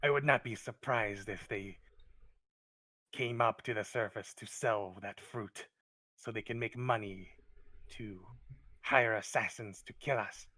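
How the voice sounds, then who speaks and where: A bitter, distrustful male kobold guard, as a man puts him on for a tabletop game. He speaks loud and slow, with a low-pitched voice in a dry, close sound. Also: no room sound. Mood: hostile.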